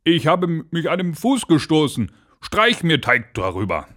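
A man's voice: a little high, big pitch swings, normal speed, fairly bright tone, voice pushed up. Storybook villain wolf, crafty and menacing, raised coaxing voice, played by a man. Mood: threatening. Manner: coaxing, put-on sweet voice. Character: sly wicked male wolf in disguise.

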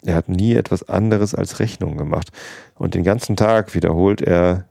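A man's voice: sits low, moderate pace, gravelly, warm tone, dry recording, clean studio sound. A man reading a storybook aloud and voicing a small, earnest boy prince who keeps asking questions and grows indignant. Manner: insistent questioning, rising to angry pleading.

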